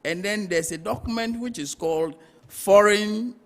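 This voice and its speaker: A man's voice: high voice, moderate pace. A male guest expert, patiently explaining customs procedures. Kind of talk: explanatory studio talk.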